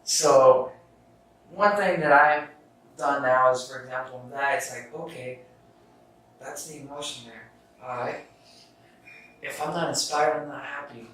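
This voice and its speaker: Pausing often and speaking a little slowly, a young podcast host with a mid-range, pushed, bright voice rambles through self-help thoughts, restarting and swearing casually. The recording is echoey with faint noise, and he sits far from the mic.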